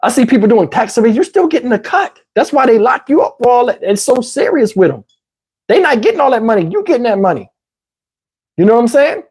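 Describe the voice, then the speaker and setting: Fast-talking and very animated, a Southern US man with a very high, husky, slightly mellow voice rambles to viewers on his YouTube livestream. He asks "you know what I'm saying" in a conversational flow, even as his voice tires and his throat dries.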